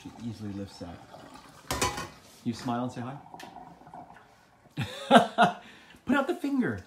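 A man chats casually through a phone livestream at home, with a lively, bouncing pitch and plenty of laughter. He teases the people around him and switches to soft cooing when he talks to his pets. There is clear background noise behind his voice. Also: measured pace, echoey room. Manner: joking, teasing, with frequent laughs. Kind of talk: casual live commentary. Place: home kitchen, then garage.

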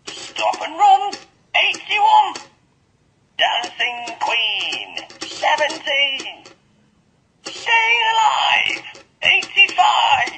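A man voicing a brash toy bingo caller, announcing in a loud, drawn-out, theatrical way through a toy speaker. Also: extremely high pitch, big pitch swings, over music, exaggerated voice. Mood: brash, showy. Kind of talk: bingo calling. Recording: noisy toy speaker, clicking.

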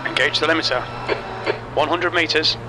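A man's voice: a little high, normal speed. A man acting as the race engineer in a racing game, giving terse pit radio calls in clipped, matter-of-fact callouts. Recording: loud race car engine over the voice. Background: roaring engine and tire noise.

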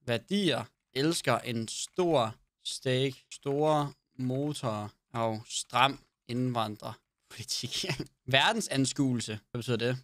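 A man's voice: medium pitch, fairly bright tone, no echo. A man streaming a game, chatting casually to his viewers in a rambling way and swearing now and then. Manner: rambling, swears, talks to chat. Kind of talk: casual live-stream chat.

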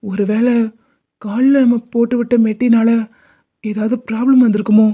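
Lady doing a worried lovesick college boy, hesitant, slightly high voice, dull audio. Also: steady tone, normal speed, slight background noise, lightly acted. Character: young college man, lovesick and anxious.

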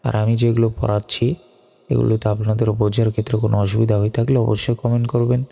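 A man's voice: lowish voice, flat delivery, quick pace, gravelly, warm tone, long reverb tail. A man from Bangladesh giving a recitation lesson, spelling out each letter and vowel, then chanting the words long and drawn out. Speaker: Quran recitation teacher.

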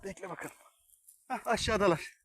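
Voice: medium pitch, moderate pace, husky, no echo. Coaxing rescuer outdoors on coastal rocks. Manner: coaxing and teasing, talks to the goat kid and to viewers. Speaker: rescue team member. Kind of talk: casual vlog narration during an animal rescue.

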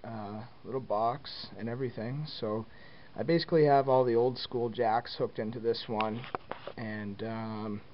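In this casual filmed tour, a hobbyist unhurriedly walks through his home phone wiring in the basement, using a mid-range, steady voice and plenty of ums and uhs. The handheld camera mic, with him off screen behind it, gives dull lo-fi audio with faint hiss.

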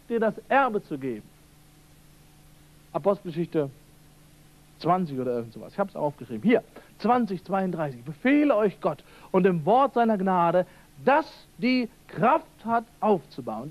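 A man's voice: high voice, a little mellow. A man preaching a seminar sermon, emphatic and repeating key phrases while addressing his listeners directly. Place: church seminar hall. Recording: old radio-quality seminar tape.

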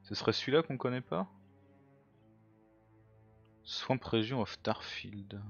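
A man's voice: medium pitch, animated, slow, gravelly, husky, muffled recording, faint music behind. A man casually commenting on a game he is playing, thinking aloud and muttering to himself, now and then mocking his own moves. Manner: self-mocking. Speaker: let's play gamer.

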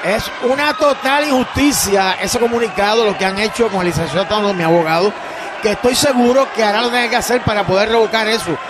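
A man with a Puerto Rican accent giving partisan wrestling commentary, emphatic, with drawn-out, repeated exclamations. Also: high-pitched. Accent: Puerto Rican Spanish. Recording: noisy arena with crowd behind. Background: crowd noise.

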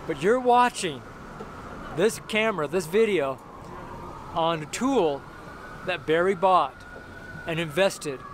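On a noisy city sidewalk next to a brick wall, a middle-aged man with a slightly high voice preaches informally into a handheld camera held close. His sermon meanders, circling back on itself with plenty of fillers and false starts, as traffic noise fills the background.

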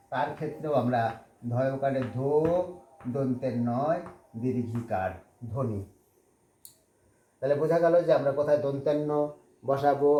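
A man's voice: medium pitch, warm tone. A man teaching a spelling lesson, patiently repeating words and spelling them out letter by letter. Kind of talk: classroom lesson on Bangla spelling. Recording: echoey room with faint background noise.

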